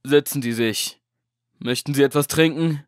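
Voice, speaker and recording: A man's voice: medium pitch, normal speed, no room sound, natural voice. A cold, scheming middleman voiced by a man who gives orders in a clipped, threatening way. His voice sits in an ordinary male register, recorded dry and close for a horror audiobook. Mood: calm. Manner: clipped, commanding, coolly threatening. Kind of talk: audiobook drama acting.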